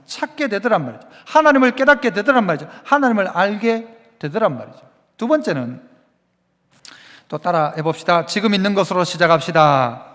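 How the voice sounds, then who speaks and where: High, lively preacher in echoing hall. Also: male voice, brisk. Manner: emphatic, repeating exhortations, calls for repetition. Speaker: pastor. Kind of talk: sermon. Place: church sanctuary. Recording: long reverb in a church hall.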